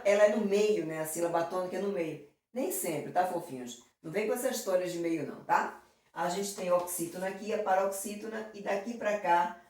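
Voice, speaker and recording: Her voice is medium-pitched with a darkish tone as this woman teacher goes over exam questions in a prep lesson. She talks warmly, leans on diminutives, and keeps checking in with the class. It's recorded from a distance in a heavily reverberant room.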